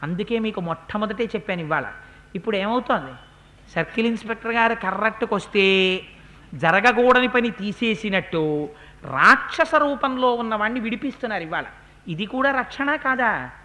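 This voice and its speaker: A man tells an epic tale in a religious discourse. His voice is bright and forceful, and he shifts into slow, chanted Sanskrit verses. He sounds animated and vivid as a storyteller. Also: high voice.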